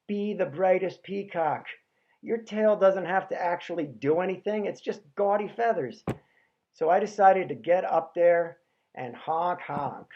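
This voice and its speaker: A man tells a comic story about his own life in a wry, deadpan way. His delivery stays dry and understated through the jokes. The recording sounds slightly muffled and lo-fi. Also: on the high side.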